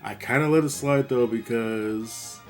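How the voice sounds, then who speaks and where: A man's voice: mid-range voice, unhurried, soft background music. A man vlogging about his gaming memories in a laid-back, conversational storytelling way. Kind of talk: storytelling monologue.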